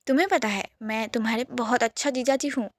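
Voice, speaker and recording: A woman doing a calm good-natured brother-in-law. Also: on the high side, quick pace, dry recording, lightly acted.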